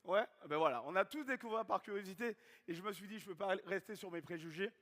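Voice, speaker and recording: Energetic man in his 30s from Guadeloupe, high-pitched, working a seminar crowd in a large echoing hall. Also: quick pace. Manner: energetic, questions and calls out to the audience. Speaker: seminar speaker. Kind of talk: motivational stage talk. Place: large hall with live audience. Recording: long hall reverb.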